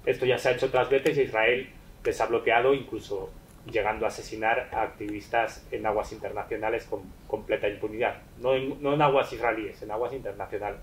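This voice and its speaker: A man calmly explaining in a conversational talk, hesitant with many fillers and restarts. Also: fairly low pitch, brisk, slight background noise, rough recording.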